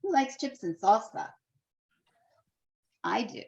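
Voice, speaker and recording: A woman teacher reading a picture book aloud to young children, with expressive storytelling and friendly asides. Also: a little high, slow, vocal fry, lo-fi sound.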